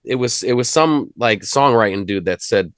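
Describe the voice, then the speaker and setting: A man's voice: lowish voice, animated, moderate pace, a bit bright, dry recording, studio quality. A man hosting a casual music chat, loose and profane, trailing off and restarting his thoughts. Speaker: host.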